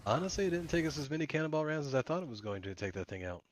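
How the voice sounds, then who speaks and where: A man's voice: fairly high pitch, sing-song, rapid-fire, slight background noise. A man chatting in character as a ship officer in a game roleplay, loose and profane. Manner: loose, swears, trails off. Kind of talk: casual in-character game chat.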